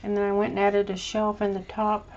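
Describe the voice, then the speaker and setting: A woman talks through her craft project in a casual show-and-tell vlog, candy in her mouth, rambling and hesitating as she keeps restarting sentences. Her medium-pitched delivery is brisk and completely flat, on lo-fi sound with background noise.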